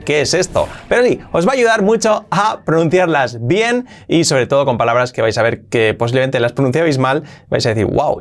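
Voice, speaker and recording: A man from teaching English pronunciation in a casual, lively bilingual lesson, repeating words slowly to show the sounds. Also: fairly high pitch.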